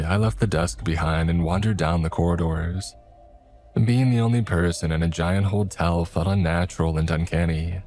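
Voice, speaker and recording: A man narrating a first-person horror story in a measured, steady way. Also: sits low.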